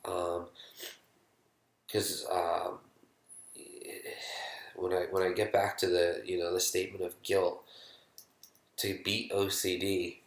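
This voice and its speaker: A man speaking candidly to camera about his own experience, halting, with many fillers and restarts, sometimes dropping to a whisper. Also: deep voice, monotone, reverberant. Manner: drops to a whisper when quoting his own thoughts. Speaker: vlogger sharing his experience. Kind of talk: candid personal talk to camera.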